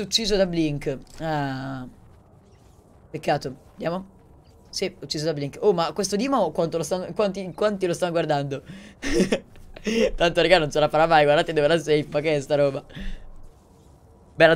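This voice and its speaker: A man casually commenting on a live game stream, keeping his voice quiet on purpose and chatting quick asides to his viewers. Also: fairly high pitch. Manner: talks quietly, holding back from shouting.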